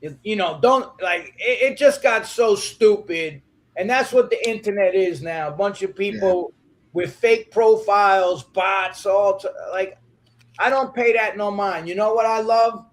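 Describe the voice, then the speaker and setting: A man speaking as an interview guest, ranting angrily and swearing heavily. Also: high-pitched. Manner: angry, profane, rapid ranting. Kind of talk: heated interview talk.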